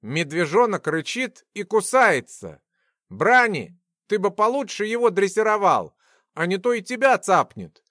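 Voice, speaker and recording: A man's voice: sits high, very animated, a little slow, a bit bright, dry recording, studio quality, exaggerated voice. A man voicing a cruel male mentor who mocks with a venomous hiss, in an audiobook. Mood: taunting. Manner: venomous, hissing mockery.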